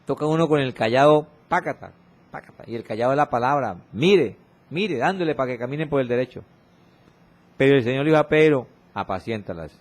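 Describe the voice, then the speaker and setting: A man delivers a church sermon heard via radio broadcast, reading scripture slowly and repeating exhorting refrains. Again and again his voice drops low and soft to emphasize.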